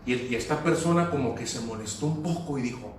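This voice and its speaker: A man's voice: medium pitch, quick pace, slight background noise. A man preaching a sermon, telling stories and slipping into English phrases. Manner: storytelling, switching into English phrases. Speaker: pastor. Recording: echoey hall, voice from far off.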